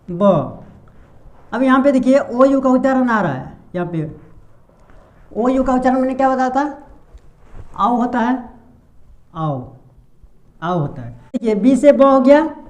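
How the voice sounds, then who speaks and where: A young man stands at a board teaching English pronunciation in Hindi, frequently posing questions and answering them himself while repeating key sounds. His voice is very high and a little mellow.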